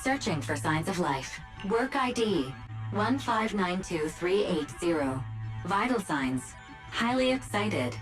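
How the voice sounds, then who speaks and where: A gentle care robot guides a rescue in a low, steady female voice. She announces every readout politely and evenly, like a video game assistant. Game music plays clearly underneath. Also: slow, low-quality recording. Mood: calm.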